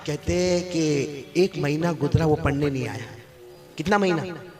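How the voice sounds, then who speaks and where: A male preacher tells a moral story in a sermon. He swings from low hushed lines to high shouted peaks and calls on the crowd to answer him. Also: moderate pace, over music. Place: large gathering with a live audience.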